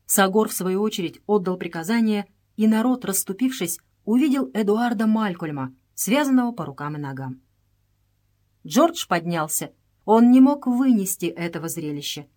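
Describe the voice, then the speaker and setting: A woman narrates an adventure novel in a steady, even storytelling voice. Her pitch sits in the middle range, and she keeps the reading measured. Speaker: audiobook reader. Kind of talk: scripted narration.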